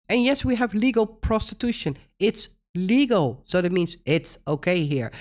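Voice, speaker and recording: A Dutch woman talks through a reaction video in a relaxed, unhurried way. Her pitch swings widely as she laughs and fires off disbelieving questions. The delivery stays casual and conversational. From Netherlands. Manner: animated, laughs often, incredulous rhetorical questions. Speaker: reaction channel host.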